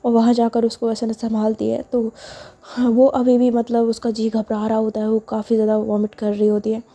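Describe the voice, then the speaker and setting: Woman storyteller, casual narration, fairly high, very dark mellow tone. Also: completely flat delivery, a little fast. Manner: chatty, repetitive narration with fillers.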